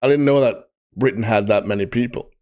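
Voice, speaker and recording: A man's voice: mid-range voice, mellow. Swedish guy reacting, casual and blunt. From Sweden. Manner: eager, blunt, drawn-out pauses. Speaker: reaction video host.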